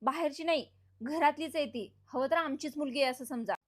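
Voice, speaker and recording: A woman's voice: high voice, a little fast, natural voice. Woman reading as a firm, protective young wife. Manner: firm, indignant. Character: young wife firmly protecting a little girl.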